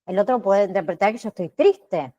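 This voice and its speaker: A woman teacher giving an online class lecture, speaking deliberately and checking in with frequent tag questions. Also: medium pitch, animated, warm tone, muffled recording. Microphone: computer mic on a video call.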